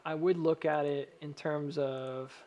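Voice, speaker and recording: A man with a slightly high voice talks through technical analysis casually, as if thinking aloud. His s sounds carry a faint whistle, and his delivery is measured and careful, qualifying points as he goes. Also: steady tone, a little mellow, highs cut off. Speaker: stock chart analyst addressing viewers. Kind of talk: casual technical chart commentary.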